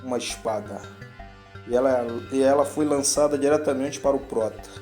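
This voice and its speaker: A man casually retelling a story, halting and correcting himself as he goes. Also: medium pitch, flat delivery, dark tone, faint music behind. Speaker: story narrator. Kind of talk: casual story recap narration.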